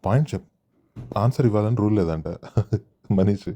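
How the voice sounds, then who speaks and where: A man's voice: on the low side, measured pace, mellow, lo-fi sound. A man giving sarcastic, mocking commentary in a show review, often mimicking the people he talks about. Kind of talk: casual commentary.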